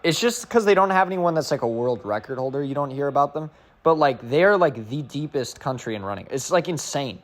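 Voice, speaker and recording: A man's voice: mid-range voice, lively intonation, brisk. A young man chatting casually as a running vlogger, rambling with lots of filler words and slang. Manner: rambling, full of "like" and "bro".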